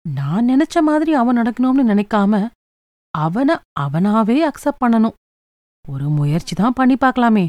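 A woman's voice: on the high side, big pitch swings, measured pace, a little mellow, dry recording, pitched above the performer's own voice. Fed up young wife grumbling at her mom, woman doing the voice, dry sound. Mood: thoughtful. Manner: exasperated, sulky. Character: frustrated young married woman, quick to complain.

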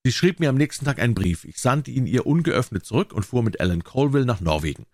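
A man narrating a classic story as an audiobook reader, with expressive, varied intonation. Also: mid-range voice, quick pace, no room sound, clean studio sound.

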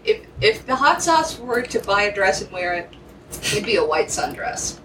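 A woman joking around in a casual podcast chat with quick asides. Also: mid-range voice, big pitch swings. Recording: distant mic with clear noise.

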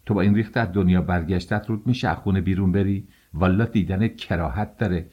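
A man voicing a spiteful, shrill old mother-in-law who scolds and taunts. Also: breathy edge, highs cut off. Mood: scolding.

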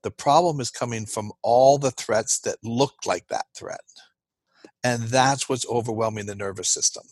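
Husky man explaining earnestly. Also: mid-range voice, normal speed, a little mellow, no room sound. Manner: earnest, explains with rhetorical "right?" checks. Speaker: guest expert. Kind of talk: explanatory interview talk.

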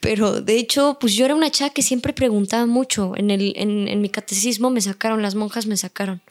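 A woman's voice: mid-range voice, fairly even intonation, brisk. A woman with a Mexican accent, chatting as a guest on a podcast and acting out the people she quotes. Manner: chatty, acts out quoted voices. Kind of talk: casual podcast chat.

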